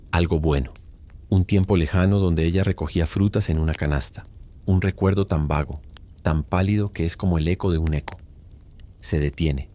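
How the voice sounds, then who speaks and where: Brief: male storyteller, very low and dark voice, calm bedtime narration.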